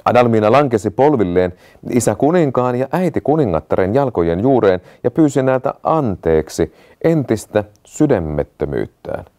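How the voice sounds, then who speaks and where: A man reading a fairy tale aloud, telling it expressively with swelling and hushed passages. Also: medium pitch, sing-song. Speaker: narrator.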